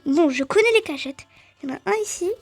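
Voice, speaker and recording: A woman giving chatty, excitable let's-play commentary on a game, talking straight to her viewers. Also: very high voice, fast talker, no echo, soft background music. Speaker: gaming video creator.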